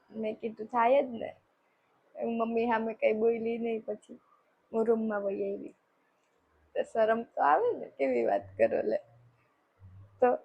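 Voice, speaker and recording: A woman's voice: on the high side, creaky, slightly rough. A young woman chatting shyly and teasingly to her fiancé in a comic phone call skit. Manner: chatty, shy and teasing, retelling talks with family.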